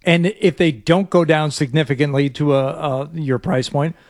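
A man co-hosting a casual sports talk show, reading out ticket prices with many pauses and restarts. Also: fairly high pitch, steady tone, dry recording, studio quality. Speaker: sports radio host.

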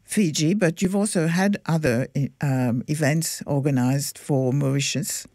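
Gravelly community-radio host, brisk interviewer. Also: mid-range voice, darkish tone, no room sound, clean studio sound. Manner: brisk, switches between announcing and questioning.

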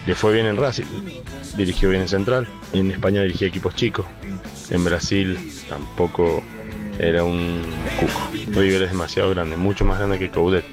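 A man's voice: sits low, steady tone, moderate pace, over music. A man with an Argentine accent giving a blunt, critical opinion on football. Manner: emphatic and critical.

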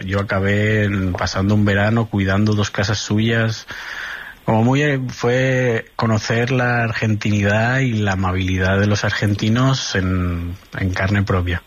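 A man from Barcelona with a lowish voice tells his stories easily, often restarting a thought. The sound is dull and muffled, like a radio broadcast. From Barcelona, Spain. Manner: relaxed storytelling with restarts. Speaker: guest, nurse and traveler. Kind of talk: casual radio interview.

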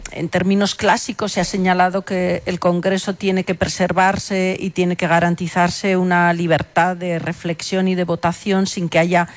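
Measured, formal woman radio commentator. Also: fairly low pitch. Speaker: panel commentator.

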